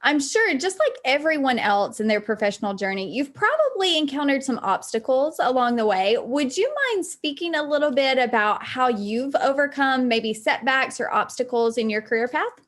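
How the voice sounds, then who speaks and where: Female interviewer, slightly high voice, polite and encouraging, conversational delivery. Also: animated, normal speed, few pauses, a bit bright.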